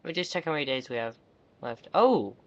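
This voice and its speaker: A man giving casual, laid-back commentary while playing a game, with excited bursts. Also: a little high, fast talker, muffled recording. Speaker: gaming streamer.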